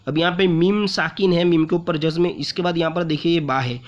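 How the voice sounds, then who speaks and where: A man teaches recitation at an unhurried pace, pausing on single syllables and stretching the long vowels so they are easy to follow. His voice sits a little high. The recording is dull and lo-fi. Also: fairly even intonation. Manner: patient, repeats syllables and drags out long vowels while demonstrating. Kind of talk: explaining tajweed rules step by step. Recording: muffled lo-fi audio.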